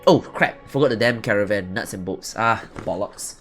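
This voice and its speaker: A man's voice: fairly low pitch, moderate pace, a bit bright, faint music behind. A man giving chatty, rambling commentary as the host of a casual let's-play. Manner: chatty, rambling, swears lightly. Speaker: gaming channel host.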